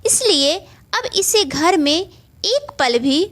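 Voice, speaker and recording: Brief: female storyteller doing a harsh, scolding man, stern and slow. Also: very high voice, sing-song, fairly bright tone, exaggerated voice. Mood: angry. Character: harsh scolding male relative.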